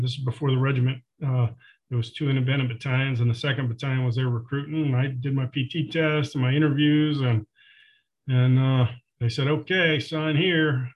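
An older man in his sixties reminisces like an old veteran looking back. His delivery is flat and matter-of-fact, halting between thoughts, on a slightly dull recording. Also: medium pitch. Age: 60s. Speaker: interview guest, retired Special Forces soldier. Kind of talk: unscripted reminiscing in an interview.

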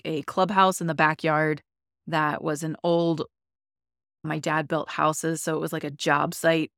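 Brief: young woman podcast host, lilt, chatty and upbeat, lowish voice, dry close sound. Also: a bit bright, no echo. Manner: chatty and enthusiastic, many likes. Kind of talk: casual chat.

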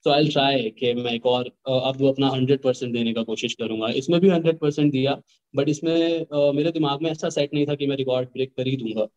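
A man's voice: medium pitch, fairly even intonation, fairly quick, darkish tone, highs cut off. A young man, a rapper, talking earnestly and at length in a casual interview, mixing in English phrases. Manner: earnest, rambling, mixes Hindi and English. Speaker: rapper guest.

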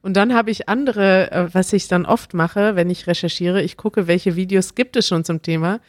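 A woman co-hosting a podcast in casual chat, lively and quick to laugh. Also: on the low side, no echo, studio quality. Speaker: podcast co-host.

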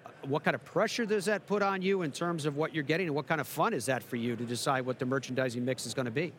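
A male interviewer with a somewhat high voice chats casually and effusively, encouraging his guests. Faint ambient show noise sits behind him. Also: fast talker, a bit bright. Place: busy trade show.

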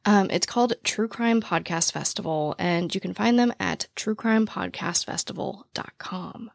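A young woman with a naturally raspy, gravelly voice, full of vocal fry, rattles along as a podcast host, breathless and fast. She is recorded close and dry on a podcast mic, with no room sound around her. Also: mid-range voice, no echo. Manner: talks very fast, with laughs and fillers. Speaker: true crime podcast host. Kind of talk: casual chat to listeners. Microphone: podcast mic, standing while recording.

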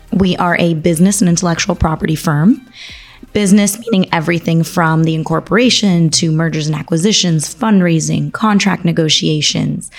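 Woman, from Argentina, interview guest, lawyer, articulate, enthusiastic, slightly low pitch. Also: gravelly. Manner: articulate, enthusiastic, lists things quickly. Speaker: attorney, podcast guest. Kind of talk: conversational interview.

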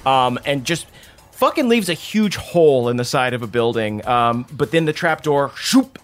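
A man's voice: medium pitch, expressive, moderate pace, soft background music. A man narrating a tabletop game as the game master.

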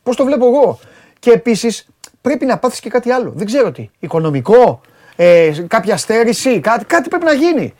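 A man's voice: very high-pitched, very animated, a little mellow, no echo, clean studio sound. A man hosting a casual live-stream chat, bantering and teasing his co-host.

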